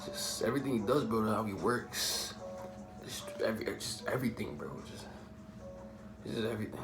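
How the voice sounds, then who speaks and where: This young adult Bahamian man has a fairly low voice and speaks at a moderate pace over music. He's fielding viewer questions in a relaxed, jokey vlog chat full of street slang.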